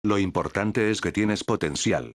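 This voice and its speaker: A man voicing a patient, steady elderly grandfather. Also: lowish voice, unhurried, no room sound, clean studio sound. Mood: reassuring. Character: calm elderly grandfather, gently reassuring.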